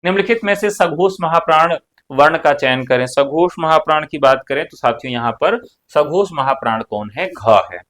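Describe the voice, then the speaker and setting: A man teaching an exam-prep class, walking through questions one at a time. He asks a question aloud, then answers it himself in a relaxed, talkative way, sometimes with a casual joke. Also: on the high side, moderate pace. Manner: casual joking asides. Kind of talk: online exam-prep lecture.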